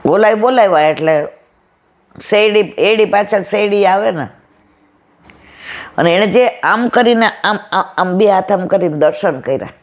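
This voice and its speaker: A woman's voice: medium pitch, measured pace, long pauses. A woman telling a devotional story at a satsang, acting out the dialogue as she goes. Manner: lively retelling, acts out the dialogue. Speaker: satsang speaker.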